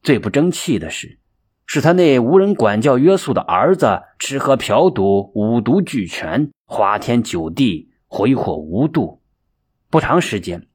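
A man narrating a folk tale as an expressive, dramatic storyteller. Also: mid-range voice, husky. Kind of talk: audiobook storytelling.

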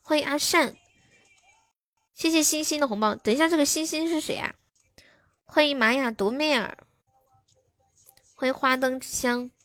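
A woman's voice: high voice, normal speed, pauses often, fairly bright tone, no room sound. A young woman hosting a live stream, chatting casually with her viewers and answering their comments.

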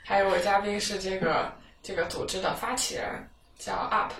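A woman's voice: medium pitch, steady tone, moderate pace, gravelly. A woman hosting a casual podcast chat, asking playful questions. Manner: chatty, asks playful questions. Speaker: podcast host. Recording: roomy, distant mic with noise.

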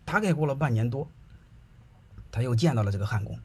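A middle-aged man with a deeply husky, rough voice tells anecdotes in a loose, colloquial way. He keeps checking that his listeners are following along. His pitch sits at an ordinary middle height for a man. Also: animated, brisk, a little mellow. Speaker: speaker telling anecdotes. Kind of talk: casual storytelling to an audience.

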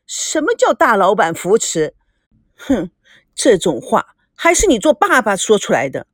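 A woman's voice: unhurried, husky, dry recording, studio quality, heavily acted. A woman voicing an indignant young woman arguing back at her father. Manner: protesting, high and animated.

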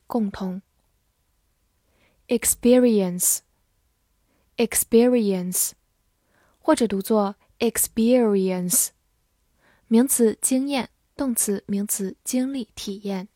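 A woman's voice: fairly high pitch, mellow, dry recording. A woman teaching English vocabulary, spelling each word out letter by letter and explaining it step by step. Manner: slow, spells words letter by letter.

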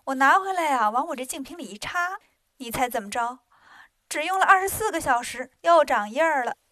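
A woman voicing a calm, wry female bodhisattva who speaks softly and scolds gently. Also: high voice, a little fast, dry recording.

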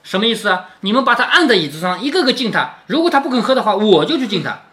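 A man's voice: sits high, big pitch swings, very fast, pushed and bright. A man reading a classic novel aloud and explaining each passage, often asking the listener whether they follow. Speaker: reader and commentator of a classic novel.

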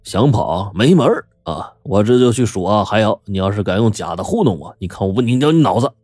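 Man doing a raging greedy uncle, husky, yells and threatens, swings up high. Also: lively intonation, no room sound, studio quality. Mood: furious. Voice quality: shouting, threatening, fast-tempered. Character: furious greedy middle-aged uncle.

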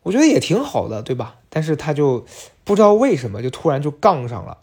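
Husky young man telling a story. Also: medium pitch, a little mellow. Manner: chatty, confiding, addresses listeners directly. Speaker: podcast host. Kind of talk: casual storytelling monologue.

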